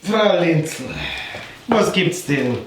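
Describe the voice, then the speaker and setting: A man's voice: fairly high pitch, animated, takes it slowly. A man playing a matter-of-fact, reassuring village doctor in a comedy sketch. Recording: very echoey room, distant mic, noisy.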